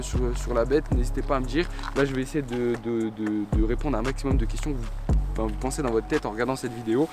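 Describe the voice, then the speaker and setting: A man vlogging casually in French street slang, addressing viewers as mates while presenting a product. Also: mid-range voice. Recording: music behind the voice.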